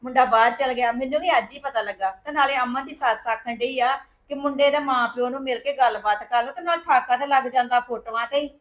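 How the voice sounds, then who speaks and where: Coaxing high-voiced woman. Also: fairly quick, hardly any pauses, fairly bright tone. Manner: coaxing, persuasive. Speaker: actor in a family skit. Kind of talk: scripted Punjabi family drama.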